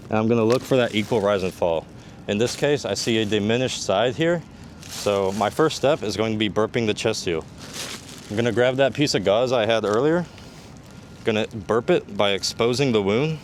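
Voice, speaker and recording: A man with a fairly low voice walks through a practical demonstration as a military medical instructor. He explains methodically, one step after another. There is some faint ambient noise, like vehicle rumble, behind him. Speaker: army combat medic instructor.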